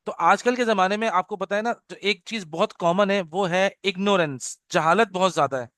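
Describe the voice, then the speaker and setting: His voice high-pitched and fairly bright, a middle-aged Arabic teacher gives an online class orientation via video call, blending English into Urdu. He frequently checks in with students by saying "okay?". The sound is clean and studio-grade, without echo.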